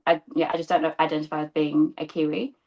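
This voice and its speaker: An Australian woman in her thirties chats casually as a podcast guest over a video call, laughing frequently and explaining things with patience. Her voice is deep and darkish, level in tone, and quick.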